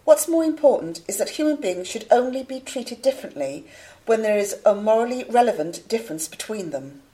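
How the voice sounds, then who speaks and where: A woman playing a composed academic in a scripted debate, formal and measured. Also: on the high side, animated, warm tone, natural voice. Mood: composed, reasoning. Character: composed female academic debater defending animal equality. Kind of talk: scripted studio debate for a listening exam.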